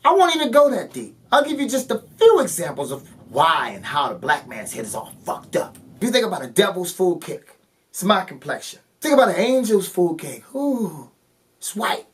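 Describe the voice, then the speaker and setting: Impassioned man with a lively, swinging voice. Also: high voice, normal speed. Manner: forceful, blunt, profane, rhetorical questions. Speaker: video creator. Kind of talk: impassioned spoken monologue.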